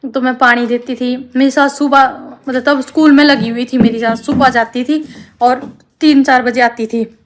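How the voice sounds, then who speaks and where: A woman's voice: high voice, steady tone, moderate pace, noisy background. A woman, pouring out her story to her viewers in a rambling, heartfelt vlog. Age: 20s. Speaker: family vlogger. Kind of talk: confessional talk to camera.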